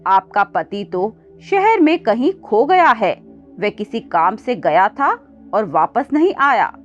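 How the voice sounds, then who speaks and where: A woman's voice: on the high side, big pitch swings, slow pace. A woman voicing a young village man who apologetically breaks bad news, over faint music on a dull recording. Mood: apologetic.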